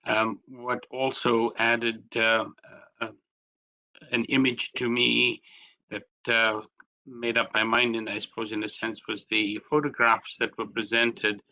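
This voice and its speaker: A man's voice: mid-range voice, level tone, a little slow, sharp tone, lo-fi sound. A Canadian man on a planning committee speaking hesitantly, with many fillers. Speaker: committee member. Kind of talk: formal hearing remarks.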